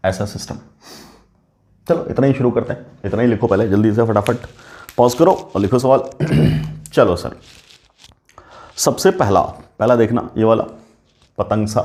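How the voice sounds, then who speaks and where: A man's voice: lowish voice, dark tone. A man teaching a chemistry lesson, asking questions and answering them himself, praising the students as he goes. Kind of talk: classroom lecture.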